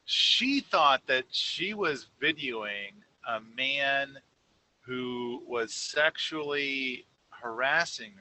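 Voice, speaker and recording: A man's voice: mid-range voice, sharp tone, a little hiss or hum, low-quality recording. A man co-hosting a casual podcast, rambling through a story with many fillers and restarts. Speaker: podcast co-host. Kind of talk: casual conversation.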